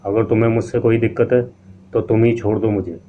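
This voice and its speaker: Stern, scheming rich haveli master, voiced by a man; low, dismissive, phone-thin with faint hiss. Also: flat delivery, brisk, lightly acted. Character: scheming wealthy male haveli owner. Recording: tinny lo-fi line with faint hiss.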